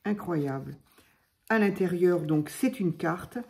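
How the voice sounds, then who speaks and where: A woman's voice: on the low side, slow pace, gravelly, darkish tone. A woman hosting her craft channel, chatting casually and gushing over paper creations with many fillers. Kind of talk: casual chat unboxing crafts.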